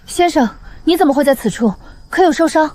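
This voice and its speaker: A woman's voice: high voice, fairly quick, warm tone, lightly acted. A woman playing a loyal young swordswoman who speaks earnestly.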